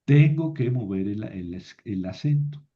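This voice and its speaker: A man's voice: lowish voice, lively intonation, a little slow, dull audio. A man teaching a class, patiently reciting word forms aloud and asking rhetorical questions. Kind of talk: classroom lecture.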